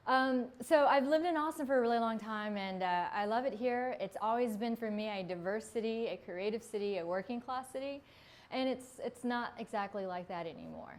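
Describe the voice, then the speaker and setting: A woman's voice: a little high, lively intonation, brisk. A woman in her forties from Vietnam, a city council candidate talking earnestly in an interview, with plenty of ums. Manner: earnest, conversational, with frequent ums.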